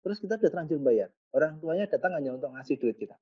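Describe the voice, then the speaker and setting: A man's voice: a little high, animated, rapid-fire, husky. Man explaining pediatric physiotherapy, dull audio. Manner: explanatory, joking, with a Javanese touch. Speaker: guest speaker, pediatric physiotherapist. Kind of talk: webinar Q&A answer. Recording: dull lo-fi online call audio.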